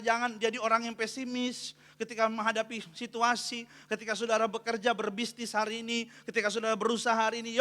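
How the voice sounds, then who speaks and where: A pastor with a high, sharp voice preaches a sermon in a call-and-response style, calling out questions and often asking the congregation to finish his sentences. The church hall gives the recording a long reverb.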